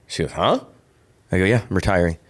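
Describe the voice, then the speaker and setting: A man's voice: deep voice, animated, fairly quick. A middle-aged man, a former football player co-hosting a podcast, earnestly telling a personal story in casual chat.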